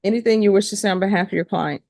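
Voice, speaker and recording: A female judge conducts a court hearing, spelling out names while questioning people in a formal, procedural style. She speaks rapid-fire at a medium pitch, with vocal fry and a slightly mellow quality. The recording is dry and has clean studio sound.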